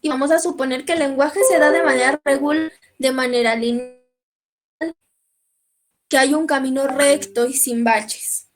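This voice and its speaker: A woman with a Mexican accent teaches a lecture in a high voice. She keeps checking that her listeners follow her and clears her throat now and then. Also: steady tone, moderate pace, pauses often. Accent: Mexican Spanish.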